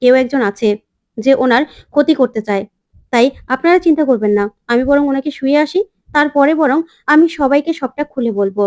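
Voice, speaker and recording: A woman voicing a young wife who speaks calmly and earnestly to her in-laws. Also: high voice, moderate pace, no echo, clean studio sound. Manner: calm, earnest pleading. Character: steady, devoted young wife.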